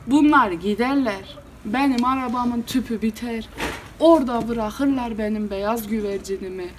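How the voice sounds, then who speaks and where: A woman playing an exasperated, hot-tempered male village headman in a solo storytelling performance, with an animated delivery. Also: on the high side, normal speed, noisy background, close to an everyday voice.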